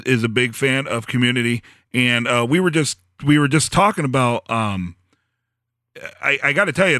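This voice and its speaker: A man's voice: medium pitch, pushed and bright, dry recording, clean studio sound. A man hosting a podcast, rambling and laughing, swearing freely in casual chat. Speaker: podcast host.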